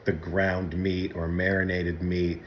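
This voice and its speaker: Deep-voiced man presenting from home. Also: flat delivery, takes it slowly, a little hiss or hum. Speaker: show host. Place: dining room at home.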